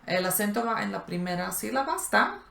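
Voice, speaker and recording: A woman's voice: fairly low pitch, a little slow. A woman co-hosting a language lesson, chatting casually and giving spoken examples. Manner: animated, gives spoken examples. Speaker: co-host of a language channel. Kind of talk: explanatory casual conversation. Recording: roomy echo.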